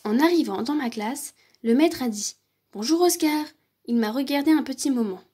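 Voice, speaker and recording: Woman story reader, high husky voice, lively expressive read-aloud. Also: a little fast. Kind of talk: reading a children's picture book aloud.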